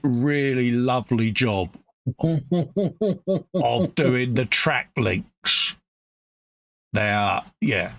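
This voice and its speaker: British male co-host, casual workbench banter, animated swinging pitch, laughs easily. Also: no room sound. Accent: British English. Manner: banter-filled, calls people mate, chuckles often. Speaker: co-host of a model-building live stream. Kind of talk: casual chat. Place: home workbench.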